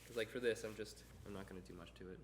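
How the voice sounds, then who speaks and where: Echoey, low-voiced young man on a podcast. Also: racing. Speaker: podcast co-host. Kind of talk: casual unscripted podcast chat. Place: indoor room, around a table. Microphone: one shared mic on a table. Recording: echoey roomy shared mic, noisy.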